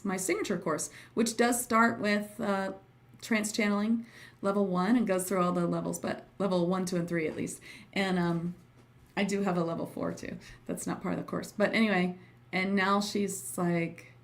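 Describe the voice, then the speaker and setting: A woman talks casually to her livestream viewers as their teacher and host. Her voice sits at an average pitch for a woman, and her manner is informal, effusive and prone to giggles. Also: normal speed. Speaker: host and trance channeling teacher.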